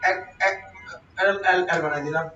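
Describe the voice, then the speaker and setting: A man's voice: fairly high pitch, fairly even intonation, moderate pace, bright, forceful tone, faint music behind. A man teaching a grammar lesson to a class, asking questions and answering them himself. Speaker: exam prep teacher. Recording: roomy, distant, dull lo-fi sound with faint noise.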